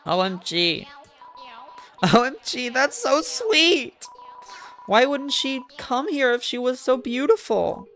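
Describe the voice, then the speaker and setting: Rich: A high, squealing valley-girl voice, bubbly and breathless, stretching words out and ending lines in upspeak, as a woman streamer puts her on. It swoops well above the performer's own pitch and stays giddy. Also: big pitch swings, takes it slowly, fairly bright tone, soft background music, exaggerated voice. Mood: gushing.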